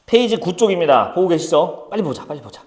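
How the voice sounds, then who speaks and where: A man teaching a high school Korean class, brisk and teasing, calling on students by name. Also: sing-song, a little mellow. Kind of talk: classroom lecture. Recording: echoey classroom.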